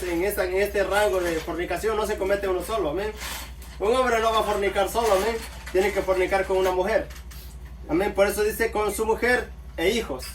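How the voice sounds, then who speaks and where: A man preaching a sermon, calling his listeners brothers and answering himself with amen. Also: high voice. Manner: addresses listeners as brothers, calls out amen often. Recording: echoey room, mic far off, faint background noise.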